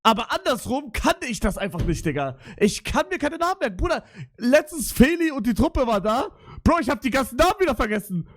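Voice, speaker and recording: High-voiced young man, slangy streamer chat. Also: big pitch swings, a little fast, fairly bright tone. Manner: slangy, swearing, repeats "Digga" and "Bruder"; flustered, rambling. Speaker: live streamer. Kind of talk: casual live-stream chat.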